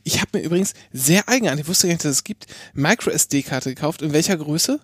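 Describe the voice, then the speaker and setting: A man talking casually and eagerly on a podcast. His voice is a little higher than most. The recording is dry and close. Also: lively intonation, fast talker, fairly bright tone, slightly rough, no echo. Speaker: podcast co-host.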